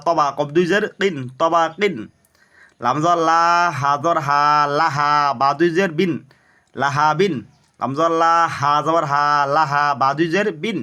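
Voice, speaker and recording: A man with a Bangladeshi Bengali accent teaching Quran reading, spelling out each letter and vowel mark and then blending the syllables in a steady, repetitive drill. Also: on the high side. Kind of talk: slow spelled-out Quran recitation lesson.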